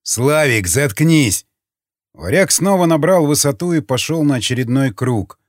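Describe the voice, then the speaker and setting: Male audiobook narrator, animated dramatic delivery, dry close sound. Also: fairly high pitch, a little fast, no room sound.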